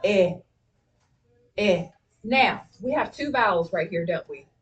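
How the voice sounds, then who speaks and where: A woman's voice: medium pitch, animated, moderate pace, a bit bright. A woman teacher leading a classroom spelling lesson, prompting with questions and saying "okay" and "all right" often. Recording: distant classroom recording with faint noise.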